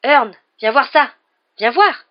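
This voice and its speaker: A woman voicing an excitable young male bus conductor in a storybook reading, loud and shouting. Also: mid-range voice, fast talker, muffled recording, pitched above the performer's own voice, natural voice. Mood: overexcited.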